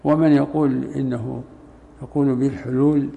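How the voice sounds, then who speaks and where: A man, a sheikh in a mosque, giving a creed lecture in a measured way, with pauses and restarts. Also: medium pitch, level tone, gravelly, warm tone, poor audio. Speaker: sheikh explaining a text.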